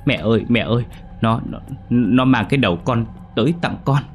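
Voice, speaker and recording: A man's voice: mid-range voice, moderate pace, faint music behind, pitched above the performer's own voice, lightly acted. A man voicing a frightened young woman who stutters and cries out in panic. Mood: sobbing. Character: terrified young woman, stammering.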